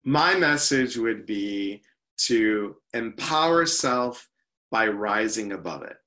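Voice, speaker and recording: A man's voice: lowish voice, animated, takes it slowly, sharp tone. A man speaking as an interview guest, an upbeat workshop leader who often says "you know".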